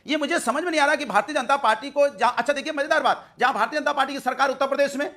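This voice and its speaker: Guy on a tv debate panel, talks super fast, repeats himself for emphasis. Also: very high voice, pushed and bright. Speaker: political panelist. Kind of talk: heated TV debate.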